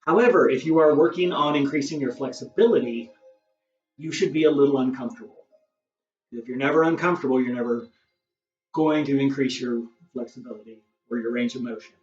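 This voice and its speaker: A man teaching a beginner yoga class, giving calm, encouraging cues with casual asides and getting a little out of breath. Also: mid-range voice, brisk. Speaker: yoga instructor. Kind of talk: guided yoga class instruction. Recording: roomy, distant, dull camera audio with faint music.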